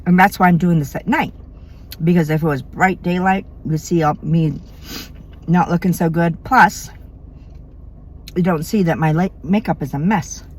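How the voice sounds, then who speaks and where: A woman's voice: lowish voice, moderate pace, long pauses, slightly rough. A middle-aged woman from Maine chatting casually between bites in an eating vlog at home at night. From Maine, USA. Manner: chatty, eats between sentences. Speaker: mukbang vlogger.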